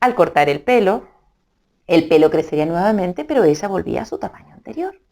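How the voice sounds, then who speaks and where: A woman tells a children's story with a lively voice that swings up and down. She is playful and expressive, tossing in sound effects as she goes. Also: on the low side, a little fast.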